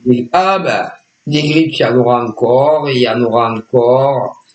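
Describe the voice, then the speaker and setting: A man's voice: mid-range voice, normal speed, echoey room, poor audio. A man giving a casual spoken tarot reading as a psychic, hesitant and repetitive, full of filler words. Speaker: psychic reader.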